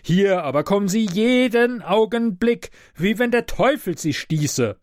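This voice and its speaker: A man's voice: high-pitched, lively intonation, measured pace, no echo, studio quality, pitched above the performer's own voice. A man voicing a frail, sickly older male train passenger who complains in a tearful, whining way. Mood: indignant.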